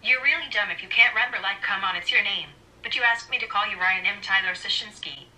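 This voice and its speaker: A synthetic female voice assistant with a too smooth android sound, answering in polished, even replies from a phone. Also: mid-range voice, fast talker, rough recording. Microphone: played from a phone speaker.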